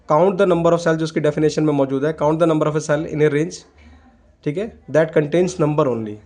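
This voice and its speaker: A man's voice: on the high side, warm tone. Man explaining a spreadsheet tutorial. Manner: explains step by step, mixing English terms into Hindi, often says "ठीक है". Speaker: computer tutor. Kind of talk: screen-recorded software tutorial.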